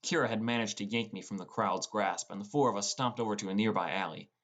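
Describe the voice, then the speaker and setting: Over a prominent bed of plucked guitar, a man narrates a first-person fantasy audiobook from a script. He talks fast, and his fairly low voice is creaky and a bit bright.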